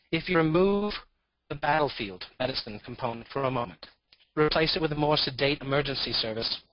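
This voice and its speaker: A man's voice: mid-range voice, dull audio. A man presenting at a forum over a conference call, his voice run through a distortion filter to disguise it, speaking formally with dry asides. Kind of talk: prepared presentation.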